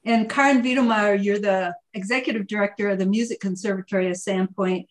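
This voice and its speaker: A woman's voice: medium pitch, fairly even intonation, fairly quick. A woman hosting an interview on a video call, introducing her guests in a friendly, upbeat way. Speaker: interviewer host.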